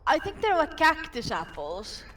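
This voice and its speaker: A woman making easygoing, dryly funny remarks while playing a game with a friend. Her voice sits slightly high. Faint music runs underneath. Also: very animated, measured pace, fairly bright tone. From Finland. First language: Finnish. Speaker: co-player. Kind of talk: casual live game chat.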